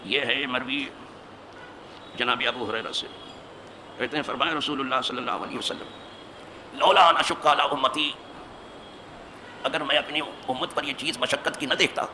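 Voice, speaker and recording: A man's voice: medium pitch, fairly even intonation, slight background noise. A man, an imam giving a hadith sermon from the pulpit of a mosque, emphatic and full of rhetorical questions. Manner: emphatic, rhetorical questions, rising to forceful peaks.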